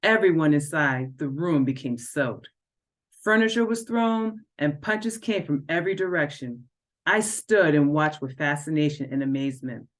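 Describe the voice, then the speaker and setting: A woman reads an excerpt of her own novel in a low, deep voice. She tells the story expressively and lifts her pitch to stress key moments. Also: expressive, moderate pace. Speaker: author reading her own book. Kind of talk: reading a novel excerpt aloud.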